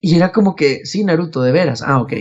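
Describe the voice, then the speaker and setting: A podcast host with a Latin American Spanish accent explains things casually, asking himself questions and answering them. His voice is a little high and a little mellow, and he talks fast over a dull, lo-fi voice connection.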